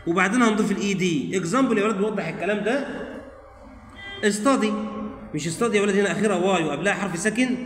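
A man's voice: high voice, a bit bright, echoey room, in a large hall. A man teaching an English grammar lesson in Egyptian Arabic, repeating each word pair twice and talking straight to his pupils. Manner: keeps addressing the pupils directly. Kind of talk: classroom-style grammar lesson.

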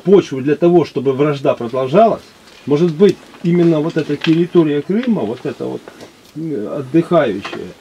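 A man with a mellow, slightly raised voice speaks slowly and reflectively in a casual group talk. Faint background noise surrounds him in a small indoor pavilion. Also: on the high side, expressive, highs cut off. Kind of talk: casual chat.

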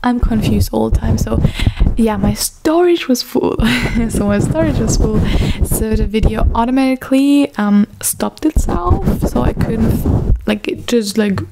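A woman's voice: fairly high pitch, expressive, measured pace, vocal fry. A young adult woman in a casual ASMR ramble, hesitant and repeating words, close to the microphone. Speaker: ASMR video creator. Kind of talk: soft-spoken casual ASMR chat. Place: dim room at home. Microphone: large microphone right at the mouth. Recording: noisy close-mic recording with clicks.

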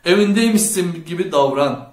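A man's voice: high-pitched, lively intonation, normal speed, a little mellow, voice pushed up. A man voicing a breezy teenage girl hosting a party in an audiobook, offhand and distracted. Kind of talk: audiobook character voice. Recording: roomy echo.

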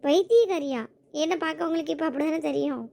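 A woman voicing a crying young village woman who speaks in a soft, wounded way to her lover in a family drama. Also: high voice, fast, gravelly. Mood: tearful. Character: tearful young village woman torn in love.

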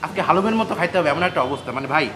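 A man's voice: on the high side, expressive, rapid-fire. A man from Bangladesh hosting a casual food review vlog, talking with his mouth full as he chews, eager and chatty, mixing in English words. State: chewing while talking. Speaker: food vlogger host. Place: busy restaurant, indoors. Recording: loud crowd behind in busy eatery.

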